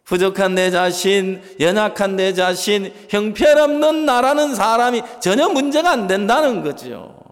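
A male pastor preaching a sermon, moving between loud stressed phrases and soft, quiet asides. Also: sits high, expressive, normal speed, few pauses. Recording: long hall reverb.

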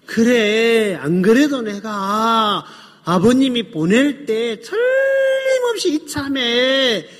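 A man's voice: sing-song, slow pace, fairly bright tone, long reverb tail, full character voice. A man doing an anguished, pleading grown son. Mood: suspicious. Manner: high, strained, pleading.

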